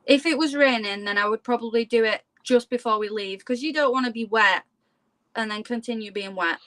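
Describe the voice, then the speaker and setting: A woman's voice: a little high, brisk, fairly bright tone, no echo. A woman talking casually as a guest in an interview. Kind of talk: casual chat.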